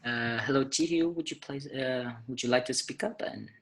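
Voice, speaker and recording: A man hosts a teachers' webinar from his computer mic. His voice is bright and forward, and he talks hesitantly, with many fillers and restarts. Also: mid-range voice, normal speed, poor audio. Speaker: webinar host. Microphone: computer mic on a video call.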